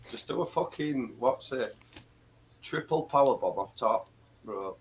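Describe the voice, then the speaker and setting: A man's voice: mid-range voice, lively intonation, a little slow, a little hiss or hum, rough recording. An English man in casual chat, swearing freely and teasing his friends. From England. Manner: crude, teasing, swears a lot.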